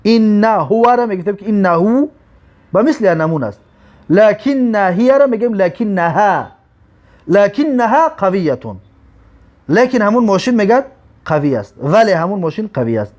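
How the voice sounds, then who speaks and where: A man teaching an Arabic grammar lesson, drawing out example words slowly between quick explanations. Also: high voice, animated, a little mellow. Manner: slow drawn-out example words, quick asides.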